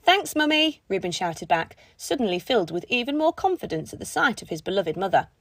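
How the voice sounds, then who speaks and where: A woman narrating a children's book in an expressive storytelling manner. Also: fairly low pitch, fast talker, slightly rough, no echo. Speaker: audiobook narrator. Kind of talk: scripted narration.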